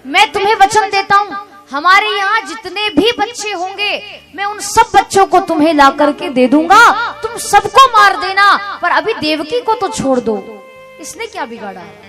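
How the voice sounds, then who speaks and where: A woman voicing a gentle young husband who pleads earnestly, while telling a devotional story. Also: very high-pitched, expressive, normal speed, over music. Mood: pleading.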